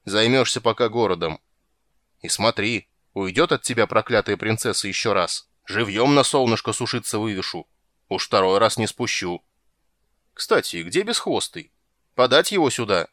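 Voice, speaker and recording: A man's voice: lowish voice, lively intonation, normal speed, a bit bright, no room sound, studio quality. A man voicing a grumpy, capricious male sea king who grumbles and blusters in a storybook reading. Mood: stern.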